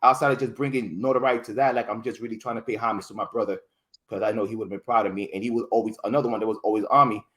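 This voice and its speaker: A man's voice: fairly low pitch, racing. A man as a guest in a casual interview, rambling through stories with lots of fillers and restarted words. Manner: animated storytelling, voices others in quotes. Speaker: podcast guest.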